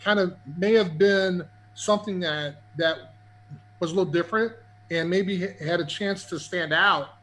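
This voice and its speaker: A man's voice: high-pitched, moderate pace, fairly bright tone. A man hosting an interview, asking long, rambling questions full of "I mean". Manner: probing, rambling questions with many fillers. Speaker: podcast host. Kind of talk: casual interview.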